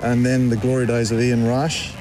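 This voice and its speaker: A man's voice: mid-range voice, monotone, normal speed, a crowd in the background. A man chatting about football as a podcast guest, enthusiastic, with lots of fillers. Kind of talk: casual sports chat.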